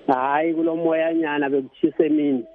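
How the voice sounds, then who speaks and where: A man's voice: on the high side, fairly even intonation, brisk, a little hiss or hum. A man with a Zimbabwean Ndebele accent, close to Zulu, calling a radio phone-in over a telephone to give his political opinion. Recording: tinny, narrow phone line.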